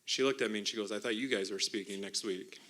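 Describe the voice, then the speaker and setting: A middle-aged man giving an emotional church testimony about a mission trip, partly reading from notes, earnest and halting with restarts. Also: fairly low pitch, fairly bright tone. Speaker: mission trip team member sharing testimony. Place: church sanctuary.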